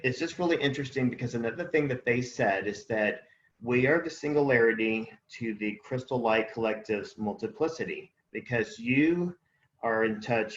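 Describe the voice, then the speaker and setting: A man's voice: mid-range voice, reverberant, dull audio, a little hiss or hum. A man co-hosting a casual spiritual conversation, rambling and searching for words with many fillers. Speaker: podcast co-host.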